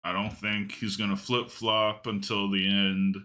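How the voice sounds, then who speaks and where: A man co-hosting a podcast, chatting casually and reasoning through his opinions in a measured way. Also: lowish voice, flat delivery, sharp tone. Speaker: podcast co-host. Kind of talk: casual analytical chat.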